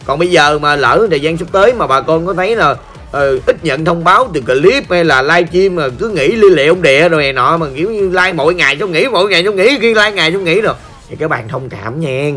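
Gaming host: hoarse Southern Vietnamese man, high and sharp-toned, playful chatty commentary. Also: lively intonation, fast talker. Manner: playful, joking, talks straight to viewers. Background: faint background music.

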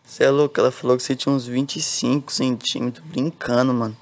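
A man speaks loudly and casually, full of slang. His pitch sits in the middle range. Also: flat delivery, brisk.

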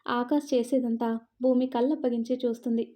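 High-voiced woman narrating a story. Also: steady tone, a little fast, mellow.

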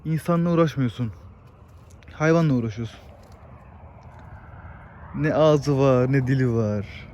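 A man talking to his farm animals outdoors in a casual vlog, coaxing and scolding them with quick exclamations. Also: mid-range voice, darkish tone, highs cut off, a little hiss or hum. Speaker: farmer filming his animals. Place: outdoor farmyard.

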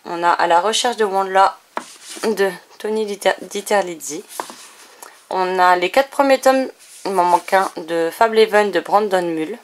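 A woman's voice: medium pitch, normal speed, slight background noise. A woman vlogger chatting casually through a bookshelf tour, listing titles and often correcting herself, a little short on sleep. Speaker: book vlogger.

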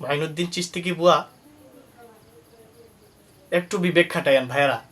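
A male Islamic preacher from Bangladesh tells a sermon story with emphatic, rising delivery. His voice sits a little high. He breaks off now and then into soft, murmured Arabic praises. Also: moderate pace.

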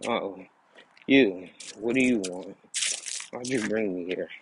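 A man voicing a hurt, bitter teenage boy ninja, talking low and resentfully. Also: measured pace. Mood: confused. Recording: noisy background.

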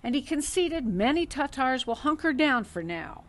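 A woman correspondent reading a scripted news report in a measured, even way. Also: high voice. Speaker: foreign affairs correspondent.

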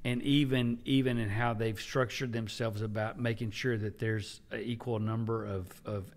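A man's voice: fairly low pitch, moderate pace. A man in his forties, a pastor hosting a church talk show, speaking earnestly at a desk mic in a small indoor studio. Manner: earnest, animated gestures, frequent affirming yeahs. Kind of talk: conversational church podcast. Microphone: desk mic on a stand.

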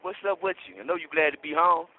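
A man's voice: fairly high pitch, fairly even intonation, fast. A man calling from prison, on a prison phone line, chatting casually in a laid-back, slangy way and laughing easily. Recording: tinny phone line with faint hiss.

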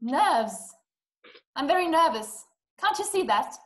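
A young actress with a high voice and big pitch swings plays an anxious, self-pitying, imperious invalid wife in a radio-play adaptation staged over a video call. At a measured pace she sounds demanding, upset, agitated and complaining. She's in a small room indoors on a webcam, so the laptop call audio is roomy.

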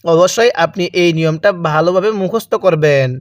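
A man's voice: on the high side, fairly quick, dry recording, studio quality. A man teaching Arabic letter reading in a lesson, with a Bangladeshi Bengali accent, drilling syllables one by one. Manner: drills syllables, repeating each one for the learner. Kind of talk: slow recitation lesson.

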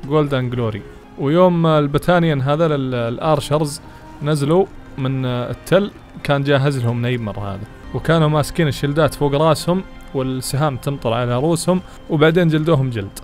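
A man giving excitable let's play commentary, chatting to his viewers and reading game text aloud as he plays. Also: a little high, fast talker, faint music behind. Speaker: gaming channel host.

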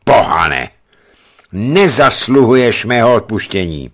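A man's voice: lowish voice, big pitch swings, fairly bright tone, pitched above the performer's own voice, heavily acted. A man voicing a stern, commanding old bishop who speaks solemnly.

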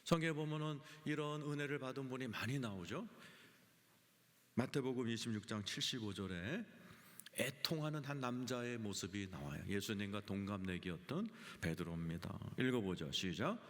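A male senior pastor preaching a sermon with lively delivery, acting out quoted voices and dropping to soft whispers for emphasis. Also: medium pitch, moderate pace. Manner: animated preaching, acts out quotes, drops to whispers. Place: large church sanctuary. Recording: church hall reverb.

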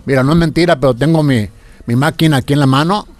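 An older man, a radio announcer, talking in a casual interview and often stumbling and repeating words. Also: medium pitch. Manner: halting, repeats words after a stroke.

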